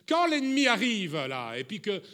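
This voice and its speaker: A man preaching a sermon to a congregation, animated, often repeating words and asking the listeners questions. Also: sits high, normal speed. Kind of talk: lively sermon.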